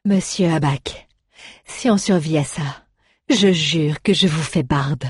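A woman voicing a bold, unflappable woman bard who speaks in a steady, dry tone in a storybook. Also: sits low, takes it slowly, slightly rough, no room sound, full character voice. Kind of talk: storybook narration.

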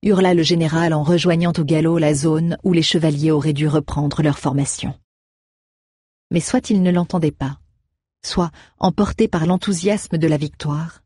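A man reading a fantasy novel aloud in steady, measured narration. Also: on the high side, breathy edge, dry recording, clean studio sound. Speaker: audiobook narrator. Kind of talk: audiobook narration.

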